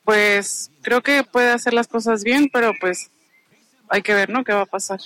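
A woman answers a street interview outdoors. Her voice is high and bright. She replies softly and hesitantly. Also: unhurried, no room sound. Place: outdoors on a busy avenue.

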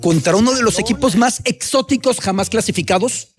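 A man's voice: sits high, brisk, faint music behind. A man on a sports panel, lecturing and reeling off facts and lists. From Mexico.

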